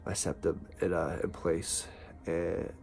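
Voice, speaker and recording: A man giving a casual, halting and matter-of-fact video diary update, sounding congested from nose packing. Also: low-pitched, flat delivery, gravelly, darkish tone, faint music behind. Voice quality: congested, blocked nose from nose packing after surgery. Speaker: vlogger.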